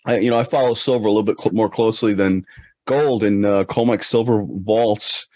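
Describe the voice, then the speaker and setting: A man's voice: lowish voice, steady tone, a little fast, darkish tone, no room sound. A man co-hosting a finance podcast, chatting casually with many fillers and restarts. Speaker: podcast co-host.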